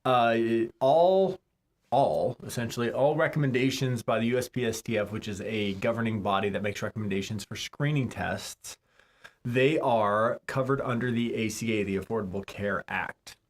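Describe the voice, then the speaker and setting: A man from California, a doctor co-hosting a live medical talk show, joking in quick asides between explanations. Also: medium pitch. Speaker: doctor co-host.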